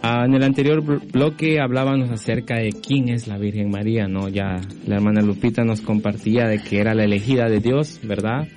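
A man's voice: on the low side, steady tone, fairly quick, few pauses, music in the background. A young man from Guatemala hosting a religious youth radio program, talking casually and often checking in with his listeners. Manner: friendly, keeps adding tag questions. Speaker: radio host.

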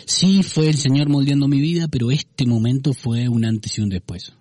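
Husky Argentine man interviewing. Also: mid-range voice, moderate pace, dark tone, no echo, studio quality. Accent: Argentine Spanish. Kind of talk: conversational interview.

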